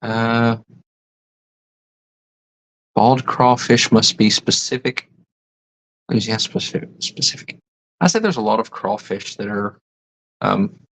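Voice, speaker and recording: A man hosts a relaxed live chat, reading comments and thinking out loud. His voice sits low with a gravelly rasp. He talks slowly and keeps pausing to rethink how words are said. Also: rough recording. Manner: musing aloud, hesitant, stops to rethink words. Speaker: livestream host.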